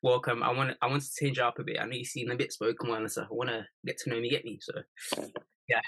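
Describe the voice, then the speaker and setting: A young man in his early twenties from East London with a bright, forward tone. He co-hosts a podcast and keeps it playful, joking his way through casual chat. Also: mid-range voice, level tone, fast talker, poor audio. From East London, England. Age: 20s. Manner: playful, jokey. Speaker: podcast co-host.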